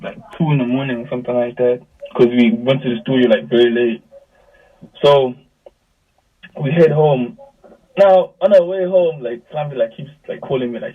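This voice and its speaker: A young South African man, a music artist appearing as an interview guest, tells stories in a slangy, animated way and acts out quoted dialogue. His voice is husky and medium-pitched. The video call sounds thin, phone-like, and distant.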